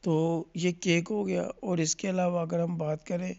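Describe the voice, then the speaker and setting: Flat-voiced teacher explaining letter sounds. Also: medium pitch, gravelly, dull audio. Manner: asks questions and answers them, often checks in with the listener. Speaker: English phonics teacher.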